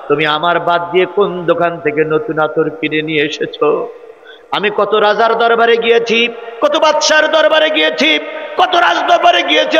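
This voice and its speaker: A brash young tough declaims at full volume with swagger, as a male preacher acts him out, his voice pitched high for a man. He sounds proud and bold. The sound comes through a dull loudspeaker with a long echo. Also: natural voice.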